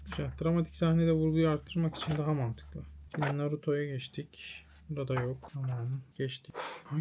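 A man's voice: medium pitch, mellow, dull audio, slight background noise. A man, a manga artist, thinks aloud while browsing pages, musing in short, clipped verdicts.

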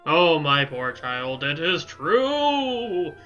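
Brief: a man playing a motherly goddess, formal and solemn, very bright tone, dull lo-fi mic. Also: fairly high pitch, sing-song, very slow, faint music behind, exaggerated voice.

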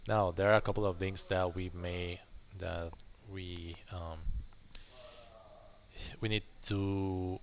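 Speaking in a deep voice with little pitch movement, a tutorial host walks through live coding informally, musing aloud over a screen recording from his computer. He halts often, breaks off mid-sentence, and tags "right?" onto his points, with faint noise in the background.

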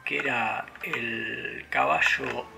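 A man with a Rioplatense accent talks through his gameplay in a loose, rambling way, drifting between stories and the game. His voice sits mid-range with a strong gravelly rasp, and game music plays clearly behind him. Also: mid-range voice, steady tone, very slow. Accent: Rioplatense Spanish. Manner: rambling, digressive storytelling with frequent fillers. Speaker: let's play host. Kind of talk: casual gameplay commentary. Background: video game music.

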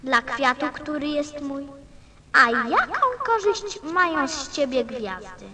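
A woman's voice: high voice, animated, slow pace, bright, forceful tone, full character voice. A woman playing an earnest, inquisitive little boy in a radio play, with a childlike manner. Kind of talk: Polish radio play acting.

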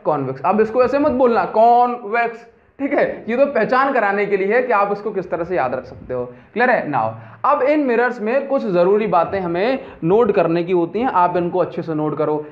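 A man's voice: high-pitched, expressive, normal speed, dull audio. A man teaching a physics lesson in a lecture style, repeating key terms and checking that students follow. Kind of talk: classroom lecture.

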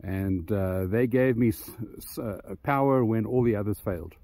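A fairly low, mellow male voice at normal speed, with no echo, belongs to a DIY solar channel host. He's outside giving an informal vlog walkthrough of the solar panel mount he made, somewhat out of breath and rambling through many ums and restarts.

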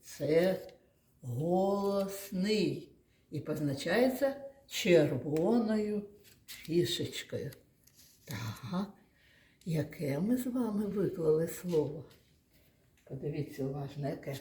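Woman teacher with a Ukrainian accent, very slow and patient, sing-song, echoey room. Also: on the low side, expressive, warm tone, slight background noise. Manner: slow, patient, drawn-out sing-song speech, answers her own questions. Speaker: kindergarten teacher. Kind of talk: teaching young children.

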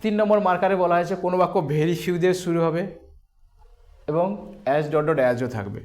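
This man, whose voice is fairly high and darkish, teaches a grammar lesson at a slow pace with lively intonation. He repeats each term, splits words into syllables, and poses questions that he then answers himself.

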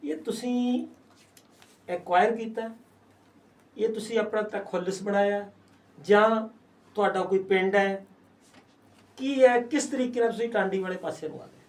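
A man's voice: sits high, measured pace, pauses often, distant mic. A man interviewing a poet in a casual talk, often putting in short agreeing replies.

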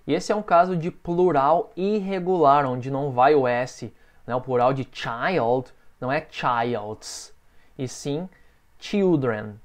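Brazilian male English teacher for beginners, patient and repetitive, voice sits a bit high. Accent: Brazilian Portuguese. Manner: patient, drills phrases with slow spoken models. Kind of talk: online English lesson for beginners.

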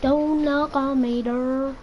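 Slow-talking high-voiced gamer woman. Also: fairly even intonation, muffled recording, a little hiss or hum. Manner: chatty, joking, talks to self while playing. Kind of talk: casual gameplay commentary.

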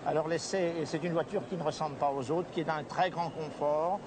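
A man, a motoring journalist, giving crisp, assured answers in an interview at a busy exhibition hall. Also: on the high side, steady tone, brisk, noisy background.

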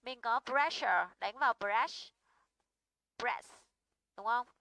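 A young woman teaches English stress rules, her voice bright and crisp. She is patient and keeps checking that her students follow. The sound is dry and close, with no room echo. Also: a little high, takes it slowly. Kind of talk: online English pronunciation lesson.

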